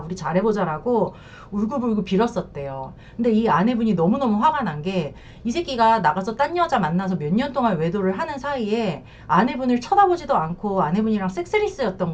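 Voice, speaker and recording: A woman's voice: fairly high pitch, dull audio. A woman counselor giving frank, blunt advice on marriage after infidelity. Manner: frank, blunt, acts out quotes. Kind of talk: advice talk to camera.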